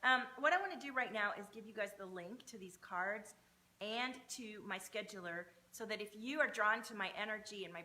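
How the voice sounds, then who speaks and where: A woman's voice: mid-range voice, pushed and bright, poor audio. A woman giving an informal, sweary motivational pep talk as a coach on a livestream, with emphatic, punchy delivery. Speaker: energy coach hosting a livestream.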